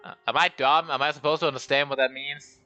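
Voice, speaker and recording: A Danish-speaking man streams a game, talking it through casually with rambling commentary and jokes at his own expense. His voice is a little high, pushed and bright, with a steady tone and a quick pace. The sound is lo-fi, with faint music behind him.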